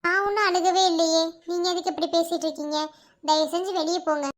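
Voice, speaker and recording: A woman doing a tearful young cartoon heroine who keeps pushing her suitor away. Her voice is very high and light, clipped and defensive, with the strain of held-back crying. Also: steady tone, quick pace, slight background noise. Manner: defensive, curt, dismissive. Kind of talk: cartoon love-story voice acting.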